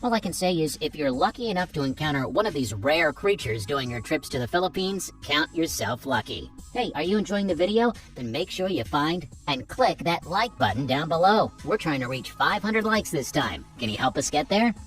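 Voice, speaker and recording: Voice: medium pitch, big pitch swings, brisk, hardly any pauses, a bit bright, distant mic. A narrator reading a scripted nature documentary countdown, chatty and speaking straight to viewers with playful asides. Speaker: narrator of a wildlife list video. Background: background music.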